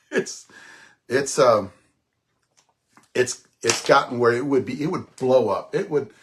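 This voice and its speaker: A man's voice: medium pitch, animated, slow, long pauses, noisy background. A man in his sixties hosting a podcast in a rambling, casual monologue, often repeating himself and swearing offhandedly. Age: 60s. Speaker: podcast host.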